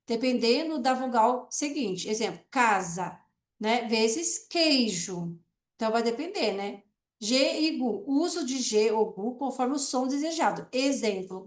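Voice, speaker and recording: A woman's voice: a little high, echoey room. A woman teaching an online class, explaining step by step and often checking in with her listeners.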